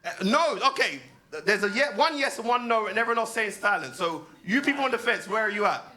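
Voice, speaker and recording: A British man, performing a stand-up comedy set, swinging between low deadpan asides and loud laughing punchlines. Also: a little fast. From United Kingdom.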